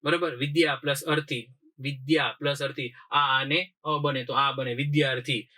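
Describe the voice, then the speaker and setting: A man's voice: medium pitch, steady tone, moderate pace, sharp tone. A man teaching an exam-prep grammar lesson, asking questions and answering them himself and often checking that students follow. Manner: drills with repeated questions and answers; keeps checking understanding.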